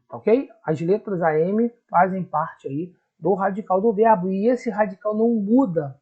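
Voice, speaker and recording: A man's voice: high voice, darkish tone. A man with a Rio de Janeiro accent teaching Portuguese grammar in a video lesson, patiently repeating the verb forms and checking in with the viewer. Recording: husky voice, dull lo-fi sound.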